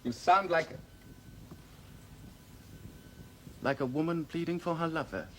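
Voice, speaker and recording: A man playing a scheming, cold-blooded heir, talking with cold menace and sharp contempt in an old film drama. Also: on the high side, fairly quick, slight background noise. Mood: accusing. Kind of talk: 1950s film drama acting.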